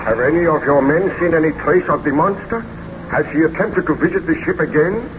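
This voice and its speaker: An actor playing a remorseful, commanding baron in a 1930s radio drama, with formal, theatrical delivery. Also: male voice, a little high, brisk, natural voice. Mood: grave, troubled. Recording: muffled, noisy 1930s radio recording.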